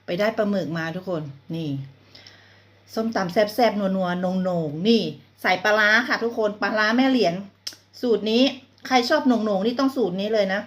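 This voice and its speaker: A woman's voice: mid-range voice, normal speed. A woman with a northeastern Thai Isan accent chats casually to viewers as a food vlogger, chewing and humming appreciatively as she talks. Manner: chewing and savoring food while talking, with appreciative hums. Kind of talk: casual mukbang chat to viewers.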